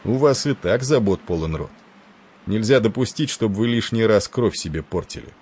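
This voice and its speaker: Wisecracking ship's doctor, read by a man, Irish accent, rough familiar tone, deep husky voice. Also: expressive, normal speed, a little mellow.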